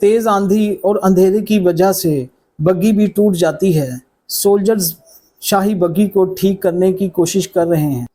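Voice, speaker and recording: Slow, high-voiced male storyteller. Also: warm tone, low-quality recording. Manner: measured, dramatic storytelling. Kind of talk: scripted story narration. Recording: clear background music under voice. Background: background music.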